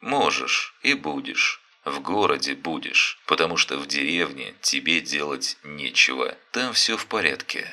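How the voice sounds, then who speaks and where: A man voicing a cold, menacing blackmailer who speaks slowly and deliberately over the phone. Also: extremely low pitch, expressive, pushed and bright, exaggerated voice. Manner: slow, deliberate, threatening.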